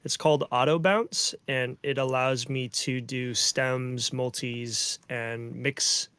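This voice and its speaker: A man co-hosting a casual music producers' chat over a video call, joking deadpan and explaining his studio workflow. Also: medium pitch, slow pace, clear, resonant tone, dry recording. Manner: deadpan joking, says "bro" a lot. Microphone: home mic on video call.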